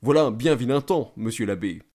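A man's voice: mid-range voice, expressive, fairly quick, darkish tone, close to an everyday voice. A man voicing a pompous, talkative middle-aged state councillor who lectures and boasts eagerly. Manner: self-important, eager, lecturing.

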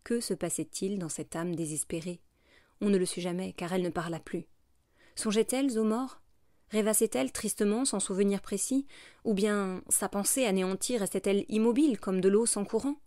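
Female narrator, measured and somber, literary read-aloud, dry studio sound. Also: mid-range voice, a little mellow, no room sound. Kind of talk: scripted narration of a literary tale.

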